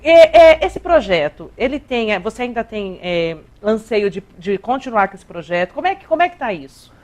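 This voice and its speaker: A woman hosting an interview, enthusiastic and quick to react. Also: medium pitch, very animated, darkish tone. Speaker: interview host. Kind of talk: casual interview chat.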